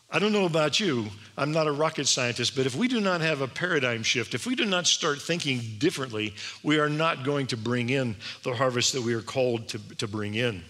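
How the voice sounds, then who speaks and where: A man's voice: mid-range voice, sharp tone. Guy giving a sermon to a big room, emphatic, lots of rhetorical questions, long echo. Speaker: speaker at a church event. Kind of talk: sermon-style talk. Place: large room with audience. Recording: long hall reverb.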